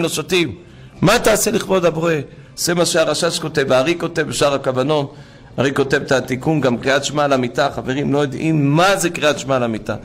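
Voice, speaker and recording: A man preaching a fervent religious sermon, urging his listeners to cry out and often rising to shouts. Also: fairly high pitch. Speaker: rabbi preacher.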